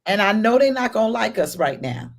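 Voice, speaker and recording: Affirming woman pastor, mid pitch. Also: big pitch swings, a little fast, vocal fry. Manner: affirming, frequent hums of agreement. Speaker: pastor, co-host. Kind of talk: casual chat.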